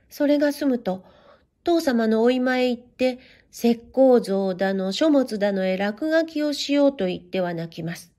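Female narrator for a classic children's tale, soft and measured, mellow tone with a slightly high pitch. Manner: gentle, measured storytelling in a warm, old-fashioned tone. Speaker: narrator reading a children's story. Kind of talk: scripted storybook narration.

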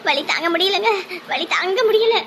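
A woman's voice: lively intonation, normal speed, fairly bright tone, slight background noise, heavily acted. A woman voicing a complaining old grandmother who wails about her leg pain in a comic sketch. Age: older. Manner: wailing, complaining, shrill. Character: whining old grandmother faking a leg injury.

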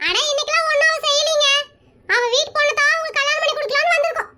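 A woman's voice: very high-pitched, steady tone, racing. A woman voicing a pushy, chatty married aunt in a cartoon comedy, who plays matchmaker and talks. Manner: brash, nosy, rambling.

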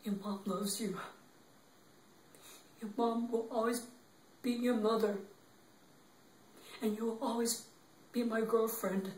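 A man's voice: high voice, fairly even intonation, darkish tone, a little hiss or hum. A man playing a tearful, tender boyfriend. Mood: grieving. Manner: halting, tearful, repetitive pleading. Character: young man tenderly consoling his grieving girlfriend. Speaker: actor in an improv demo reel. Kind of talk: improvised dramatic monologue. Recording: roomy, distant from the mic.

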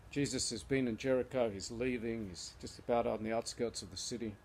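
A man of middle pitch gives a gentle, earnest morning devotional, reading scripture and then praying. A faint hiss sits under his voice. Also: fairly even intonation, brisk. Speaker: preacher. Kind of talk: devotional Bible reading and prayer.

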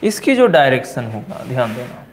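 A man with a Bihari accent teaching physics in a coaching classroom, repeating key terms slowly and asking and answering his own questions. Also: mid-range voice, big pitch swings, slight background noise. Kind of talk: classroom lecture at a board.

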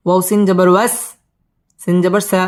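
A man teaching Quran recitation: he spells each word letter by letter, recites it slowly and drawn out, and explains the pronunciation rules quickly in between. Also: high-pitched, flat delivery.

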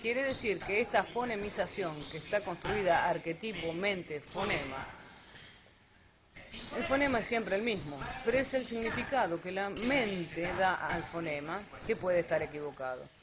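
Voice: mid-range voice, expressive, moderate pace. Explaining speaker over crowd noise. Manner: explanatory, rhetorical questions. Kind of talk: lecture on alien abduction.

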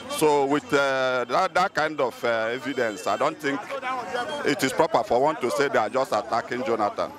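Middle-aged man, mid-range voice, measured with many pauses, loud street crowd behind. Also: mid-range voice. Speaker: passer-by interviewed in the street. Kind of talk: street vox pop opinion. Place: busy city street outdoors. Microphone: handheld mic held by interviewer.

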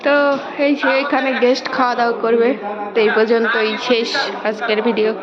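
A woman's voice: on the high side, fairly even intonation, brisk, highs cut off, a loud crowd. A woman vlogger with a Pabna Bengali accent, chatting casually to viewers while showing picnic cooking at home. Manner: chatty, addresses viewers directly. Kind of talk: casual vlog tour in regional dialect.

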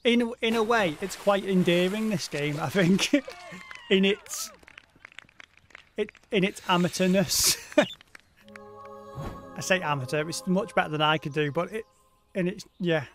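A man's voice: high voice, sing-song, unhurried, pauses often, fairly bright tone. A man hosting a let's play, commenting casually on the game with wry, offhand asides. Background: game music.

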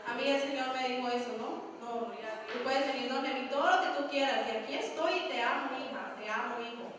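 A woman's voice: high voice, a little fast, a crowd in the background. A woman youth leader preaching a sermon, emphatic, acting out prayers in a pleading voice, recorded in a church hall. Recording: echoey hall recorded from far off.

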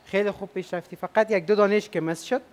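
A man's voice: sits high, fairly even intonation. A man with an Afghan Dari accent hosting a game show, upbeat and chatty, coaxing the contestants with questions.

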